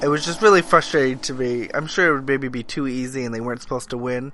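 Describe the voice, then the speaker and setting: Bright-voiced man, halting casual chat. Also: medium pitch, steady tone, slight background noise. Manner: halting, searches for words. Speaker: podcast co-host.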